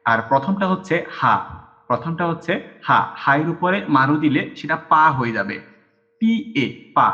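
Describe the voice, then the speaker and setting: A man's voice: a little high, bright, forceful tone. A man teaching a language lesson step by step, patiently repeating each sound and counting strokes aloud. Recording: dull lo-fi recording.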